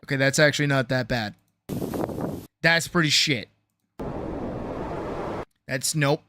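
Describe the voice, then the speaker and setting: A man's voice: mid-range voice, slow pace, very noisy. A man chatting casually and thinking aloud as he edits on a livestream, swearing freely and sarcastically, with some muttering to himself. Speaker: animator editing their own series on a livestream. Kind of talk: casual chat, thinking aloud while editing.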